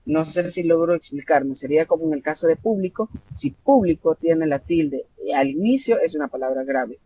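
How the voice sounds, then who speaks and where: A man's voice: on the high side, animated, moderate pace, mellow. A Salvadoran man tutoring an online class, explaining patiently with many fillers and self-corrections. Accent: Salvadoran Spanish. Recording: dull lo-fi online class audio with faint noise.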